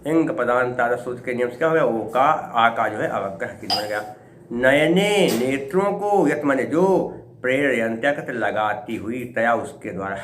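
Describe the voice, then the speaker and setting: A man's voice: medium pitch, a bit bright. A male Sanskrit teacher explaining a verse word by word, asking himself questions and answering them. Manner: chants verse slowly, then explains in quick bursts with rhetorical questions. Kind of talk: classroom lecture explaining verse line by line. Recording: echoey room with faint background noise.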